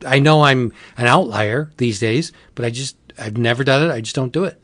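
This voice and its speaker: A man of middle pitch co-hosts a casual comics podcast. He talks bluntly with dry, short answers, and the recording is close and dry. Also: brisk, fairly bright tone, no echo. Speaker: podcast co-host. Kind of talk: casual chat.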